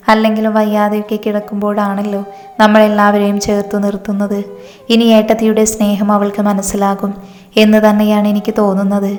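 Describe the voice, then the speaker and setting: A woman reading a family story aloud in an unhurried, even storytelling manner, speaking every character's lines in her own voice. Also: medium pitch. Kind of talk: scripted story narration with character dialogue. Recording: echoey room with soft music underneath.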